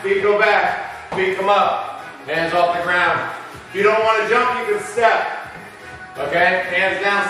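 Male fitness coach, high bright voice, unhurried counts and rallying pep-talk commands, exercising as he speaks, distant in an echoey room. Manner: rallying pep-talk cheerleading, short urging commands with whoops; exerting himself while talking. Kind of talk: live workout instruction with counting. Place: basement home gym. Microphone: camera several metres away. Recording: very echoey room, far from mic.

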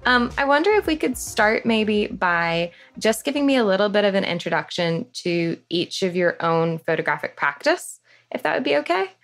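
A woman's voice: mid-range voice, very animated, normal speed, a bit bright, faint music behind. A woman hosting a podcast interview, welcoming her guests and asking friendly, encouraging questions. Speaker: podcast host.

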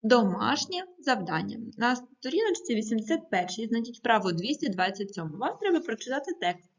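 A woman teaching primary school children in a recorded video lesson, speaking clearly and patiently and giving careful stress to each number as she reads aloud. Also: a little high, sing-song, a little fast, lo-fi sound.

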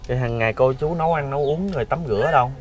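A man's voice: medium pitch, racing. A man, hosting and asking short, polite questions outdoors. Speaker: host interviewer. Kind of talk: casual interview.

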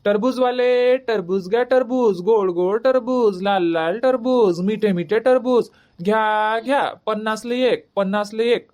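Village fruit hawker, played by a man: cheery sing-song seller, raised pitch. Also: measured pace, darkish tone. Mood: hawking. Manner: calling out wares in a sing-song.

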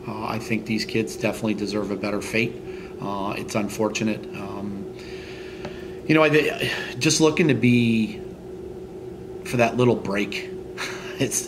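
A middle-aged man, a head football coach, answering post-game interview questions in a halting way, with many fillers and restarts. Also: lowish voice, background noise. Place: indoors in front of a team logo backdrop.

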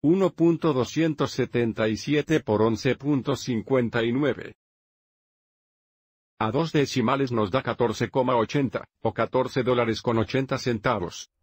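Male math teacher, steady and methodical, husky voice at a middle pitch. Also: unhurried, dry recording, studio quality. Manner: steady, methodical step-by-step explaining. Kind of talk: dubbed math lesson narration.

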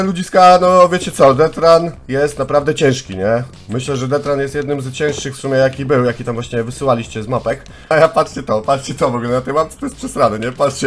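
A man in his twenties, a gaming YouTuber, giving chatty, excitable live commentary on a contest and talking straight to his viewers. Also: mid-range voice, fast, hardly any pauses, a little hiss or hum. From Poland. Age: 20s.

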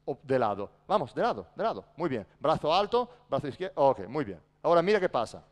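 Man, basketball coach, fairly high voice, long gym reverb, short barked commands. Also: sing-song, a little fast. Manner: barks short commands, then explains patiently. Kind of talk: coaching a practice on court. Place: large indoor gym.

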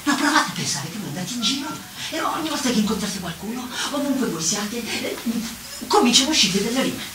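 Lady doing a grumpy old cartoon witch, high and swooping, stage mic far away with faint square noise. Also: brisk. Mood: chatty. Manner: animated, exclamatory, laughs while talking. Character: clumsy old cartoon witch woman, exasperated. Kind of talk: theatrical comic monologue. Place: outdoor town square stage. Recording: echoey, from far off, faint ambience.

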